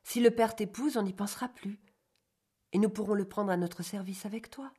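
A man reading an audiobook, voicing a gentle, patient young mistress of the house who speaks softly and coaxingly. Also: high-pitched, brisk, pitched above the performer's own voice. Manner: soft, coaxing, conciliatory. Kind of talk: audiobook character voice.

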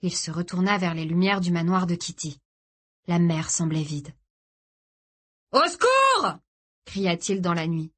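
A woman reading a dramatic novel aloud in a steady, grave storytelling voice. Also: lowish voice, moderate pace. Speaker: audiobook narrator. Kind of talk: scripted dramatic narration.

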